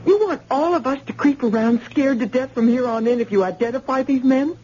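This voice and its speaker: On a dull lo-fi recording with faint hiss, an actress in a vintage radio drama plays a frightened wife pleading with her wounded husband. Her voice sits high and sounds mellow, brisk, and full of emotion.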